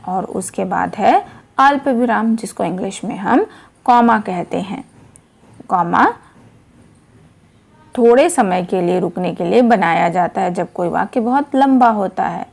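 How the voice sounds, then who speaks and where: A woman's voice: a little high, creaky, darkish tone. A woman teaching a children's grammar lesson, explaining patiently step by step.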